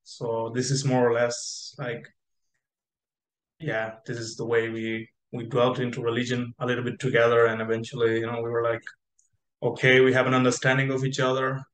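Over an echoey video call from a bright indoor room, the Spain-raised young man recounts his story as an interview guest, restarting often and filling gaps. His medium-pitched voice is fairly bright, and his delivery is completely flat at normal speed.

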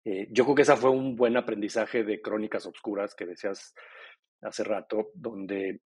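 A man being interviewed as co-founder of an audio entertainment company, talking in a thoughtful, relaxed way with some restarts. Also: fairly low pitch, moderate pace, slightly rough, no room sound. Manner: thoughtful, many restarts and fillers.

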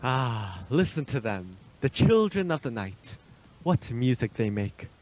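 An actor playing a suave, imperious Transylvanian vampire count in a radio play, speaking with formal, deliberate, ominous politeness. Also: male voice, medium pitch, sing-song, darkish tone, a little hiss or hum, rough recording. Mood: fervent, proud.

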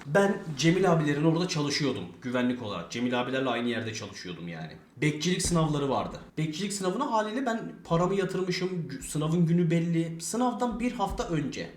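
Young male streamer, rapid rambling anecdote voice with lots of swearing, roomy echo. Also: on the high side, big pitch swings, a little hiss or hum. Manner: fast, rambling, swears a lot, acts out quoted dialogue. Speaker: streamer telling a story. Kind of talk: casual storytelling with heavy swearing.

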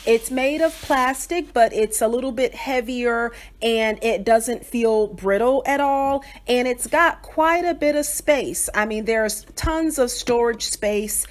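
A woman's voice: fairly high pitch, slow pace, few pauses. A woman hosting a doll channel, cheerfully describing toy pieces in an unboxing review voice-over. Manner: cheerful, enthusiastic, descriptive with fillers.

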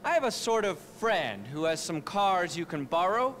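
An actor playing an arrogant, manic middle-aged tech billionaire in a video game, pompous, as if giving a keynote speech. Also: male voice, high voice, sing-song, normal speed, fairly bright tone, a little hiss or hum. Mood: brisk, pompous. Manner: pompous, self-important, keynote-speech delivery.

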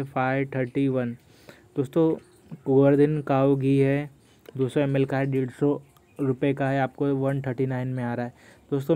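A young man hosting a screen-recorded vlog, often saying "friends" and reading prices aloud in a steady walkthrough. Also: mid-range voice, smooth. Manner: repeats "doston" often, reads prices aloud. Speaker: YouTube host.

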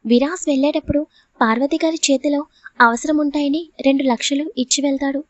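A woman narrating a serial audio story in a steady, even manner. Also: high voice, brisk, no room sound. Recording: dull lo-fi audio.

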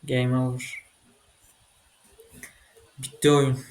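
A man giving casual let's-play commentary as he plays a computer game, excitable and quick to get frustrated, swearing at the game. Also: mid-range voice. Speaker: gaming channel host.

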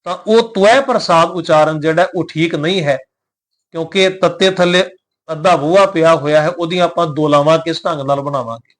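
Man, fairly high voice, scripture lesson, slow deliberate chanting, calm respectful explanation. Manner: addresses listeners respectfully and humbly. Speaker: Sikh scripture teacher.

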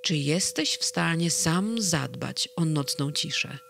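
A reader voicing a calm, kindly male keeper of dreams in a bedtime story, speaking gently and a little solemnly. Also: medium pitch, takes it slowly, gravelly, noisy background. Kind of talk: children's storybook reading.

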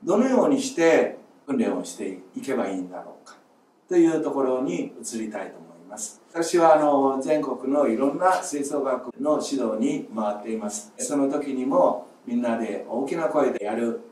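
Guy teaching breathing drills, lively up and down voice, shouts short counts, sounds far off in a roomy space. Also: medium pitch, moderate pace. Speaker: music teacher. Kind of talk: instructional video lesson. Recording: roomy echo, distant mic.

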